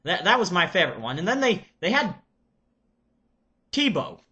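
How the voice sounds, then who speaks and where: A man playing an excitable TV reviewer character with a Serbian accent, exclamatory and halting as he reviews. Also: high-pitched, full character voice. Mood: excited. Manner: loud, exclamatory, halting with ums. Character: excitable male Nickelodeon reviewer character, the Nutcase.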